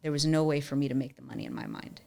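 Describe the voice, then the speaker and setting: A young woman telling a personal story as a podcast guest, animated and chatty, leaning on "like" a lot. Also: rumbling low, rapid-fire, vocal fry. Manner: animated storyteller, often says "like". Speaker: podcast guest, musician and entrepreneur. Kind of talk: storytelling in casual interview.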